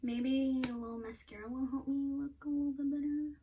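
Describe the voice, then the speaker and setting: A woman's voice: high voice, steady tone, fast, muffled recording. Blunt, self-mocking young woman. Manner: blunt, self-mocking, swears a lot, laughs often. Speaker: beauty vlogger. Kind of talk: casual makeup vlog chat. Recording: somewhat distant mic with faint noise.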